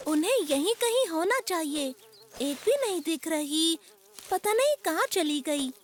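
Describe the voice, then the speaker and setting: A woman voicing a gentle, polite boy bear who loves his garden, in a Hindi cartoon dub. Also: extremely high pitch, very animated, measured pace, full character voice. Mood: mild. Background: children's music.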